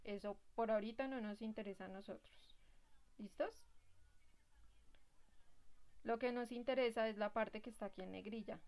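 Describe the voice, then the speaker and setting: A woman's voice: mid-range voice, darkish tone. A woman English teacher, explaining a grammar lesson to her class and often checking that students follow along. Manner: explains patiently, keeps checking with "¿Listos?"; reads English examples slowly and carefully. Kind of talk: recorded online class explanation.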